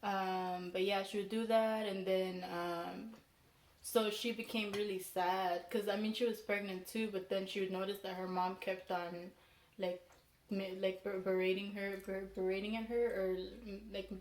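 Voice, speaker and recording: A young adult woman from Palau telling a story casually, in a halting, rambling way with frequent self-corrections. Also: mid-range voice, level tone, a little mellow. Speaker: mukbang vlogger telling a folk legend. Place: small room indoors, seated at a table. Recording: roomy echo, background noise.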